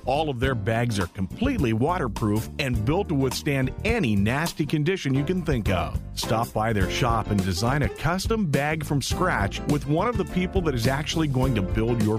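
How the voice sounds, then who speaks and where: A man's voice: mid-range voice, big pitch swings, moderate pace, few pauses. A man reading scripted narration for a local radio commercial. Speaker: commercial announcer. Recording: music bed behind voice.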